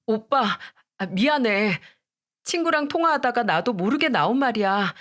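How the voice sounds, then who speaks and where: A woman's voice: on the high side, expressive, normal speed, fairly bright tone. A whiny, pleading young fiancée, voiced by a woman. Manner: pleading, wheedling.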